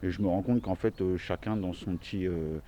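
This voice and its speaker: A man in his forties with a low, mellow voice and a regional French accent, talking casually outdoors and rambling from one thought to the next. The faint noise of the open air sits behind him on a phone recording. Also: steady tone, a little fast. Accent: central French regional. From France. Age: 40s. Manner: rambling, many fillers and restarts. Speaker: gardening YouTuber. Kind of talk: casual self-introduction video. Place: outdoors in a small vegetable garden.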